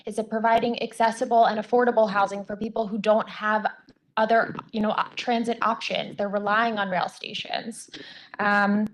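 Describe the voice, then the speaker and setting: A woman attorney giving public hearing testimony with a voice that is going hoarse, speaking earnestly with frequent ums and restarts. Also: medium pitch, little pitch movement, moderate pace, slight background noise, rough recording.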